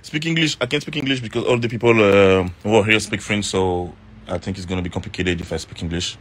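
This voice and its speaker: A reality TV contestant, a man, chatting casually on social media and answering viewer questions in a relaxed, slangy way. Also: deep voice, brisk. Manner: relaxed and slangy, with many fillers.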